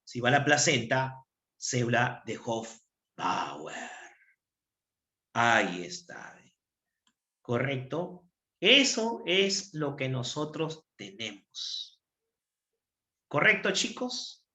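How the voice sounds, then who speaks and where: A male anatomy teacher giving an animated online lecture and checking that students follow. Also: mid-range voice, drawn-out words, long pauses. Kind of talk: online class lecture, storytelling. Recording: roomy echo.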